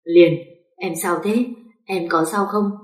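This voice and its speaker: A woman's voice: on the low side, fairly even intonation, slow. An anxious young husband, voiced by a woman narrator, urgent and pleading, in an echoey room. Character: worried young husband calling to his wife.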